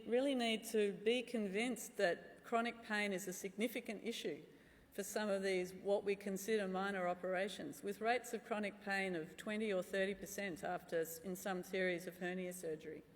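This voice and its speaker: In a reverberant hall, a middle-aged woman answers questions as a conference speaker. She is candid and drily humorous, starting some phrases hesitantly, with a medium-pitched voice. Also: steady tone, normal speed. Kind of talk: answering audience questions after a medical talk. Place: large conference room. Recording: echoey hall with long reverb.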